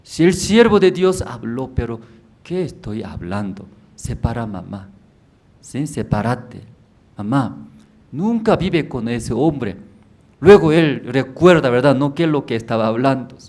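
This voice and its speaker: A man's voice: mid-range voice, sing-song, measured pace, a little mellow. A man pastor preaching a sermon in a church, telling a story in simple words and asking the congregation rhetorical questions.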